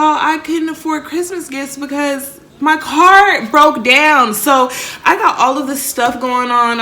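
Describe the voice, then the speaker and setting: Young woman, vlogger; fairly high, bright voice; candid, rambling heartfelt rant. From Texas. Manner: candid, rambling, heartfelt, addresses viewers directly. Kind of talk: emotional personal rant to camera.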